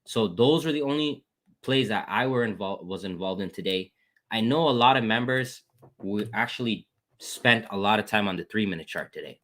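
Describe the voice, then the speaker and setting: A man's voice: moderate pace, fairly bright tone. A man casually walking viewers through his trades on a screen share, talking to them as "guys" and calling out wins. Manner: casual, repeats "guys" and "boom", thanks chat members. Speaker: trading educator.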